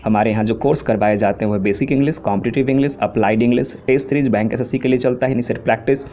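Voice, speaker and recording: A man's voice: mid-range voice, fairly even intonation, rapid-fire, mellow. A man from India teaching English grammar in Hindi, listing terms steadily and explaining each in simple asides. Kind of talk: classroom lecture. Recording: dull lo-fi recording with faint hiss.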